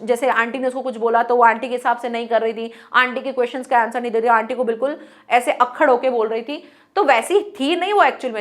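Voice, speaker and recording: A woman teacher with a high, light voice talks students through a lesson. She mixes English terms into her explanation, poses rhetorical questions, and acts out little bits of dialogue to make her points. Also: fairly bright tone. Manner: explains in Hindi mixed with English words, asking herself rhetorical questions.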